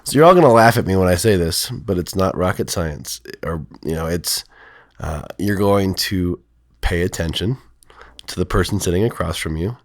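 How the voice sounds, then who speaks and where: A male counselor with a voice lowered by illness, explaining in a rambling, hesitant way full of fillers. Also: normal speed, no echo. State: sick, voice lowered from strep throat. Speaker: counselor and podcast co-host. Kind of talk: casual podcast conversation.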